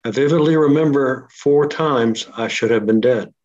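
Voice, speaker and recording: A man's voice: mid-range voice, moderate pace, a little mellow. Man reading over a laptop speaker. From Oklahoma City. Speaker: guest author. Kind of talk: reading his memoir aloud. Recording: dull lo-fi remote audio.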